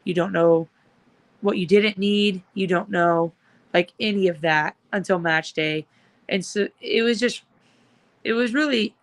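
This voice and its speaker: A woman talking casually as a guest, upbeat and rambling with lots of fillers. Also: medium pitch. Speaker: guest, supporters' group organizer. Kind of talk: casual chat.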